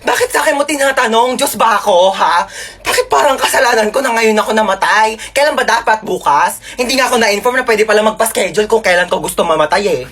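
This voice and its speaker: A woman performing POV comedy skits, talking in a sassy, rapid, complaining way. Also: fairly high pitch, a bit bright, husky.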